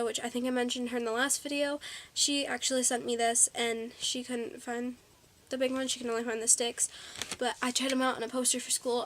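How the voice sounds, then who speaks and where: With background noise behind her, a teen girl talks in a fairly high voice during a laid-back haul vlog. She comes across as bubbly and slightly breathless, with plenty of likes and ums.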